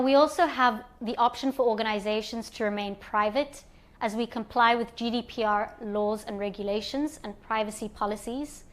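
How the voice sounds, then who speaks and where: A woman from Zimbabwe guiding viewers through an online platform in a calm, step-by-step screen walkthrough. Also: on the high side. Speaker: platform presenter.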